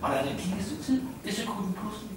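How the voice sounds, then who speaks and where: Animated male storyteller in an echoey room. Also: high-pitched. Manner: animated, playful, drawn-out phrasing. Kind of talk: live oral storytelling. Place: indoor event space. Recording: echoey room, distant mic, noisy.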